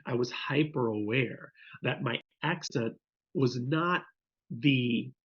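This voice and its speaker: A man with a husky, mid-range voice speaks slowly, and the recording's highs are cut off. He's from the Bronx, New York, appearing as a podcast guest who answers interview questions thoughtfully, with frequent fillers and restarted sentences.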